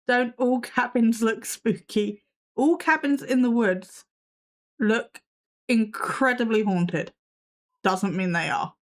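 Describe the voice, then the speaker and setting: A slow-paced woman on the high side of the pitch range reacts to videos as a livestream host. Sassy and skeptical, she swears casually while her voice gives out.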